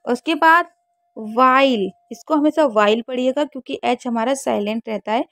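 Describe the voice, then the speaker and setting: A woman's voice: on the high side, normal speed, a bit bright, no room sound, clean studio sound. A woman teaching English reading, explaining how each word is spelled and sounded out and asking questions she then answers. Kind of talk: phonics reading lesson.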